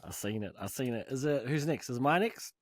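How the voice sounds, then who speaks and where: A man's voice: medium pitch, lively intonation, a little fast. A man co-hosting a casual podcast chat, laid-back and a bit hesitant. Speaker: podcast co-host.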